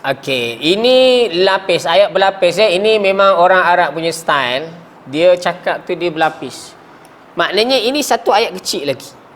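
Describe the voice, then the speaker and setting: A man's voice: high-pitched, animated, moderate pace, a bit bright. A man with a Malaysian Malay accent teaching Arabic grammar in a classroom, often asking the class questions and sometimes breaking off mid-word. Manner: asks the class frequent questions, coughs and trails off mid-word. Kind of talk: classroom lesson.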